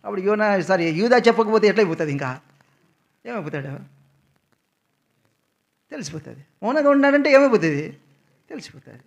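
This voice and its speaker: A man preaching a sermon in a prayer house, who keeps asking the congregation questions, answers them himself and stresses key words loudly. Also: sits high, lively intonation, brisk, vocal fry, long pauses. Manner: repeats key words with sudden loud emphasis.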